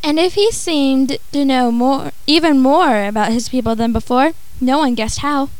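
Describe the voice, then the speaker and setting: A woman's voice: high voice, moderate pace, a little mellow. A woman reading scripted storybook narration.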